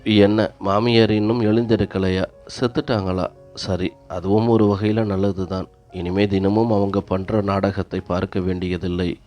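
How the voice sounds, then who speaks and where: Brief: mocking, heartless young daughter-in-law, read by a deep-voiced male narrator, storybook telling. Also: level tone, a little slow, a little mellow, faint music behind. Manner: mocking, sneering.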